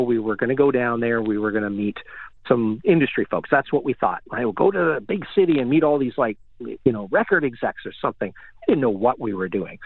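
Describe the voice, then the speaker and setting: A man's voice: medium pitch, no echo. Man telling stories by phone. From Canada. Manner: rambling, many fillers. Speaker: guest, recording engineer. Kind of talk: casual storytelling. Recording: tinny phone line, dry.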